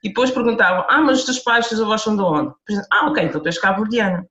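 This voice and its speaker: A woman's voice: medium pitch, rapid-fire, fairly bright tone. A woman from Portugal with a Lisbon accent, an author speaking as a guest in a podcast interview, earnest and reflective, often restarting her sentences. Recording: roomy, dull lo-fi sound.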